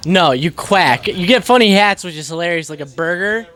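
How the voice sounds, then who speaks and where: A man's voice: high voice, animated, normal speed, fairly bright tone. A young man co-hosting a casual gaming podcast, laughing often, sniffly with allergies. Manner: laughing, talking while eating. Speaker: podcast co-host. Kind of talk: casual chat.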